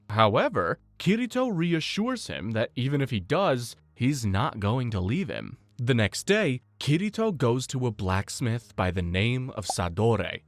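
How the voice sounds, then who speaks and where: A man narrates a scripted story recap with a lively, rising-and-falling pitch. His read is steady and explanatory, walking through each event in turn. The sound is close and dry, with no room around it. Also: no echo.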